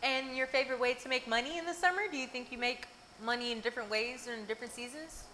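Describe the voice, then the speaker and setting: Woman, American accent, high voice, bright tone, playful teasing host, casual questions, faint room noise. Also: steady tone, fast talker. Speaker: talk show host. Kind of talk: casual hosting with questions to guests. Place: live show with an audience.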